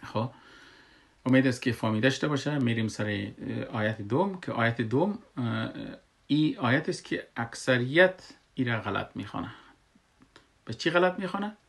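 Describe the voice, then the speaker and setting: A man's voice: mid-range voice, lively intonation, gravelly. A man with an Afghan Dari accent teaching Quran recitation, patient and repeating words and examples so students can drill them. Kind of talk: tajweed lesson.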